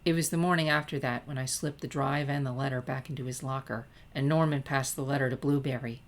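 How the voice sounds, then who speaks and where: In a story reading, a woman with a very deep, steady voice speaks quickly as a teenage girl who regrets her past scheming. The confession comes out hesitant, reflective and rueful.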